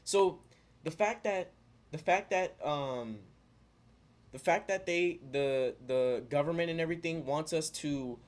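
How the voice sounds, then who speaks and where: A young male vlogger with a fairly high voice speaks at a measured pace, directly to his audience. His casual, earnest spiritual thoughts wander, marked by many fillers and restarts.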